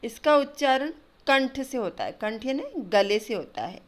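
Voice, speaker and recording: A woman's voice: on the high side, expressive, measured pace. A woman teaching a grammar lesson to children, patiently spelling out letters and sounds one by one over slides.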